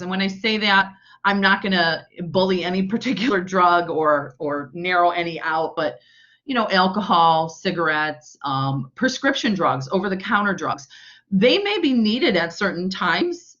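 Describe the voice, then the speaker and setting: A woman's voice: mid-range voice, a bit bright. Chatty woman instructor on a video call. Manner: conversational, filler-heavy teaching. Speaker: college nutrition instructor. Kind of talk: online class lecture. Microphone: video call mic. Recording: muffled lo-fi video call audio.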